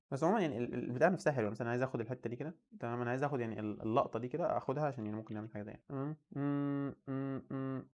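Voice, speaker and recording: A man's voice: medium pitch, darkish tone. A young Egyptian man in his twenties talks at a breakneck pace. He hosts a coding channel and thinks aloud casually as he browses and comments, with a mid-range voice. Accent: Egyptian Arabic. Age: 20s. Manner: rapid, chatty, thinking aloud while browsing. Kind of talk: casual screen-share commentary.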